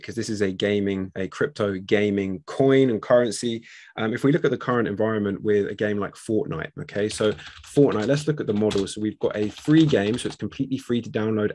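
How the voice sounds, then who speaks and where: A man talks through a crypto analysis in a chatty, self-deprecating way, filling pauses with ums. He sounds a little out of breath, and his voice sits fairly low. The recording is close and dry. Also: darkish tone, no echo. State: slightly out of breath. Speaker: crypto channel host. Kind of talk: casual screen-share analysis.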